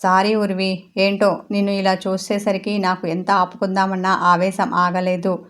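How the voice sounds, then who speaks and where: A woman voicing a caring young man who scolds his friend and then speaks gently and with guilt in a storybook reading. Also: medium pitch, completely flat delivery, moderate pace, natural voice. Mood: remorseful.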